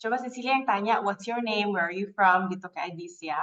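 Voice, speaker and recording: A woman teaching an English class in Indonesian, slowing down to model English phrases. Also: mid-range voice, fairly bright tone, far from the mic, muffled recording.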